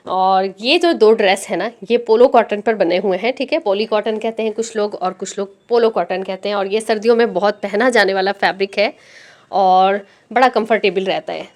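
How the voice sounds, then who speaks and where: A woman hosting a stitching tutorial, chatting directly to her viewers as she walks step by step through dress design details. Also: medium pitch. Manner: explains garment details step by step. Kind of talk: casual dress design walkthrough.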